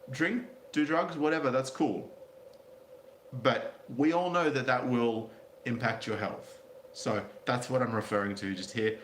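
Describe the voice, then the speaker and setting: A man's voice: fairly low pitch, fairly bright tone. Sardonic man commentating in an echoey room. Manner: blunt, sardonic, crude asides. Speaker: commentary video host. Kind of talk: reading out a story with casual commentary. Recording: roomy echo, faint background noise.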